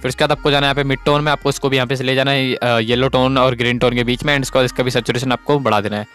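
A man's voice: mid-range voice, steady tone, rapid-fire, a bit bright, soft background music. A man hosting a photo editing tutorial, giving step-by-step instructions, often saying "guys" and "okay". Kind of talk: screen-recorded editing tutorial.

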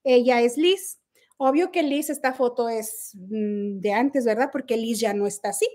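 A woman's voice: fairly high pitch, normal speed, darkish tone. A middle-aged woman with a Mexican accent, hosting a casual livestream chat by phone, brash and profane, mocking her critics. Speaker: livestream host.

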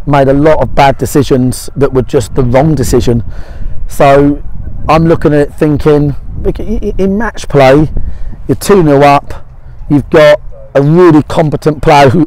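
Standing outdoors on an empty football pitch by a small stand, a middle-aged football manager gives casual post-match talk. His voice is a little high with a darkish tone, and he's blunt and matey, repeating short phrases for emphasis. The low-quality recording has a little hiss or hum.

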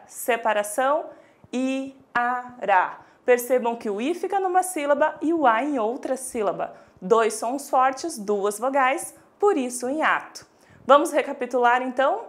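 A woman teacher with a Brazilian Portuguese accent giving a scripted video lesson, speaking lively and directly to students and drawing out syllables slowly. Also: sits high. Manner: clear, drawn-out syllables for pronunciation.

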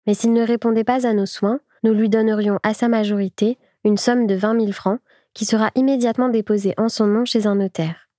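A woman voicing a calm, wealthy gentleman who speaks in a measured, businesslike way. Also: medium pitch, no room sound, studio quality, natural voice.

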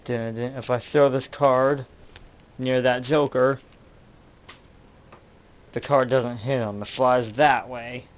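A man's voice: mid-range voice, flat delivery, slow pace, long pauses, dull audio, a little hiss or hum. A man hosting his own channel, acting out a melodramatic mock-detective comedy skit in which he questions his toys. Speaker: channel host.

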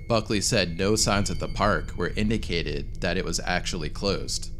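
A man reading a scripted true-story narration in a measured, serious way. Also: low-pitched, a bit bright, slight background noise. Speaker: channel narrator. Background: faint background music.

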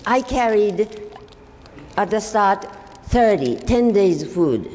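Older woman speaking slowly in an echoey hall. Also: mid-range voice, animated, darkish tone. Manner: halting, with many restarts and fillers. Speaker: forum speaker. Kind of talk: casual slide talk to an audience. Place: meeting hall. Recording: echoey hall, faint background noise.

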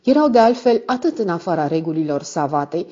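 A woman narrating an audiobook with expressive storytelling. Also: on the low side. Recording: dull lo-fi sound.

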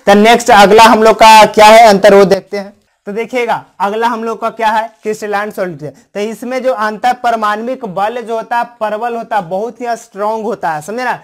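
A teacher giving a chemistry lecture who keeps asking questions, answers them, and checks whether the class has understood. Terms are repeated and restated in two languages. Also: medium pitch. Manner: repetitive, explains terms twice in two languages.

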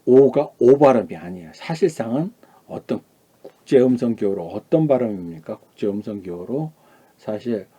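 A man's voice: animated, normal speed, slightly rough. Korean male teacher modeling Chinese vowels. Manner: demonstrates sounds loudly and high, then drops to a quiet aside; asks the class questions and answers them himself. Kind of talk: classroom lecture.

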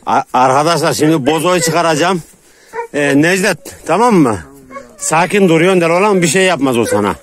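A man, a vlogger talking casually to viewers and his dogs outdoors, joking roughly and laughing. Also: a little high, animated, normal speed. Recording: noisy outdoor recording with barking dogs.

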